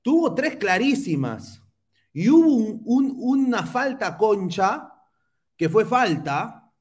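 A man hosts a football podcast, chatting casually and poking fun at rival fans. His voice sits a little high for a man. He reads out viewer comments with an easy, mocking edge. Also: very animated, slow. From Peru. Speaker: podcast host.

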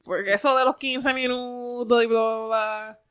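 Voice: mid-range voice, fairly even intonation, sharp tone, clean tone, no echo, studio quality. A podcast co-host in casual chat, agreeing and adding short remarks. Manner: agreeable, backs up the other host with quick laughs and short replies.

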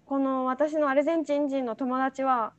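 A woman's voice: sits high, steady tone, moderate pace. A young woman co-hosting a podcast in casual chat, telling stories animatedly and laughing often. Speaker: podcast co-host. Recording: dull lo-fi sound.

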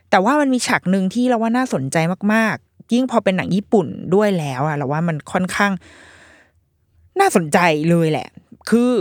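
A woman in her thirties hosting a podcast, chatting casually in an animated, slangy way as she reviews a film. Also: on the low side, no room sound, studio quality. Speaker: podcast host.

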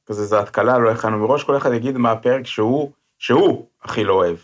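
A man co-hosting a podcast, with an opinionated, blunt way of talking. He keeps the chat moving by asking questions, in a voice of middling pitch. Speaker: podcast co-host. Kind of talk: casual chat.

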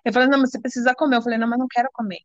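A woman's voice: on the high side, steady tone, very fast, dry recording. A Brazilian woman, an interview guest, telling a personal story with many restarts and acted-out quotes. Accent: Brazilian Portuguese. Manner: breathless, restarts sentences, acts out quoted dialogue. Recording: dull lo-fi sound.

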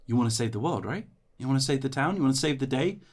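A man's voice: medium pitch, expressive, fast, pitched above the performer's own voice, natural voice. A man voicing a smug, manipulative woman in charge who talks down to everyone. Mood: coaxing. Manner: condescending, patronizing.

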